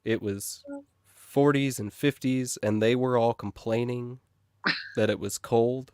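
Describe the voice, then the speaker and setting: A man from South Dakota hosting a casual podcast chat, joking and relaxed. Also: medium pitch, slow pace, smooth, dry recording, studio quality. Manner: relaxed, joking, drops to quiet asides. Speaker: host.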